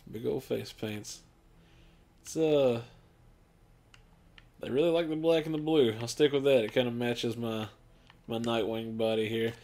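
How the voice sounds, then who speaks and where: A man's voice: medium pitch, a little mellow. A man casually talking through a video game's character creator, rambling and offhand with lots of fillers, tired and yawning late at night. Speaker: gaming channel host. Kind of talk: casual gameplay commentary.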